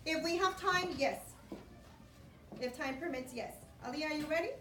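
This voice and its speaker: Really high voiced lady teacher talking to little kids, lots of questions, echoey noisy classroom. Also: moderate pace, bright, forceful tone. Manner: prompting with questions and repeated instructions. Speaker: elementary school teacher. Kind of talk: classroom instruction to young children. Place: indoor school classroom. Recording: roomy, distant classroom recording with clear noise.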